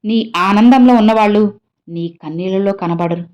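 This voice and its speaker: A woman voicing a gentle, fatherly old holy man who consoles the listener as his own child with tender, pleading words. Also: mid-range voice, moderate pace, natural voice. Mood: consoling. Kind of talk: devotional message voiced in first person.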